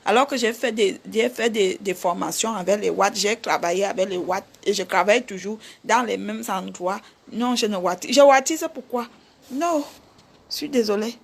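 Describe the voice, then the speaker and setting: A middle-aged woman with a Cameroonian accent, chatting live with her viewers, handing out advice in an animated, chatty way. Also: mid-range voice, moderate pace, creaky. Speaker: vlogger. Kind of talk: casual live chat with viewers.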